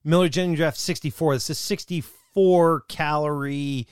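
Man, co-host, casual joking chat, slightly high voice, dry close sound. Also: steady tone, smooth, no room sound. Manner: jokey storytelling, quick asides and laughs.

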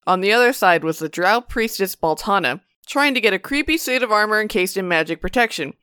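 Female tabletop podcast host and player, bright and clear, playfully theatrical, upbeat announcer delivery. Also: mid-range voice, animated, brisk, no echo, clean studio sound.

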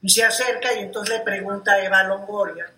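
A woman co-hosting a gossip chat, an animated, slangy, teasing storyteller. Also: medium pitch, brisk. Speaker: gossip show co-host. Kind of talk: casual showbiz gossip chat. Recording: echoey room.

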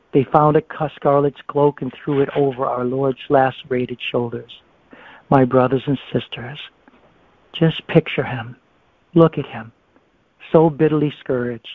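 Earnest man reading devotions over a phone line. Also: mid-range voice. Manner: earnest, halting, occasional restarts. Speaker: radio show co-host reading devotions. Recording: tinny phone-line audio, dry.

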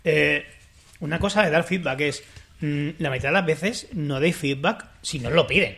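A man's voice: fairly high pitch, normal speed, gravelly. A man, telling stories and acting out examples in a casual group discussion. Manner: animated storyteller, acts out examples. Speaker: podcast panelist.

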